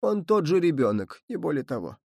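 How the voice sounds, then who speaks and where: A man voicing a kind old grandmother who speaks in a soft, hushed, soothing voice, in an audiobook reading. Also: mid-range voice, very animated, moderate pace, vocal fry, slightly rough, dry recording, heavily acted. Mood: tender.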